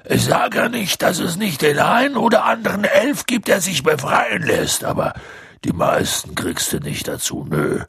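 A man voicing a huge, good-natured male half-giant gamekeeper in an audiobook, with a deep gruff voice and a slow, blunt, folksy drawl. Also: sing-song, a bit bright, dry recording, studio quality, full character voice. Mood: stubborn. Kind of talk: audiobook character voice.

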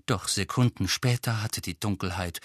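A man narrating an audiobook in a lively, theatrical reading style. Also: lowish voice, normal speed, no echo, studio quality.

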